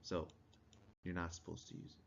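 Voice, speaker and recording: A man's voice: low-pitched, monotone, moderate pace, creaky, a little hiss or hum. A male instructor giving a casual classroom lecture, quizzing students and chuckling now and then. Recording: dull lo-fi recording.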